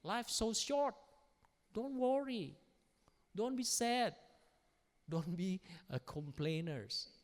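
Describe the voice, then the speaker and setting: Male pastor, unhurried, animated sermon delivery with English asides; echoey church hall. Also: high-pitched. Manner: animated, playful, laughs, mixes in English. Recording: long reverb church hall.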